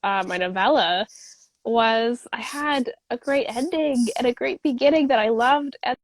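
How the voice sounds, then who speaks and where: Author guest, female, under the weather, chatty and self-deprecating, fairly high voice. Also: measured pace, no room sound, rough recording. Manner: rambling, many fillers, self-deprecating. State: sick voice. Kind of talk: casual live-stream interview.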